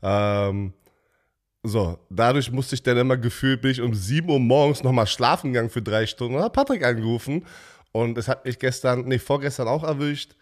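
A man's voice: mid-range voice, a little fast. A man co-hosting a podcast in casual chat, his voice nasal and congested from a cold with a stuffy nose. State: has a cold. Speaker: podcast co-host.

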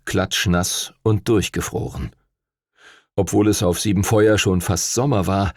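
A man narrating an audiobook in a calm, measured storytelling manner. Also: lowish voice, vocal fry, dry recording, clean studio sound. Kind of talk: scripted narration.

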